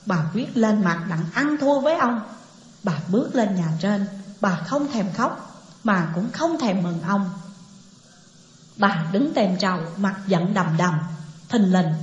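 A woman's voice: mid-range voice, lively intonation, takes it slowly. Woman narrating a novel, echoey. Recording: echoey dull lo-fi recording.

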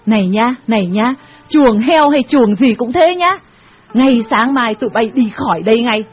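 A woman's voice: a little high, animated, normal speed. A scolding older landlady. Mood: threatening. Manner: berating, rough-tongued. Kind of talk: radio drama reading. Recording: dull radio recording with music.

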